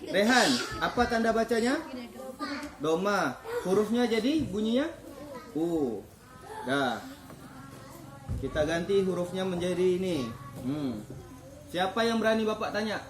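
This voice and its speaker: In an echoey classroom, a man with a high, expressive voice teaches children to read the Quran, speaking unhurriedly with long pauses over music. He patiently quizzes the kids and praises their answers.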